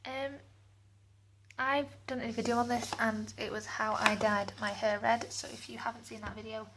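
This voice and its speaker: Here a British woman, a beauty vlogger, talks casually through a product review in an indoor bathroom that makes everything echo. She speaks at normal speed in a level tone, her voice on the high side, with clear background noise in the recording.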